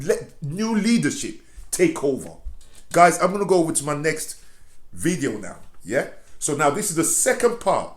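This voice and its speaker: Man, confrontational commentary, slightly high voice, roomy echoey room. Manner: confrontational, addresses his target directly, repeats phrases. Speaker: online commentator. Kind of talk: impassioned commentary. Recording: roomy echo.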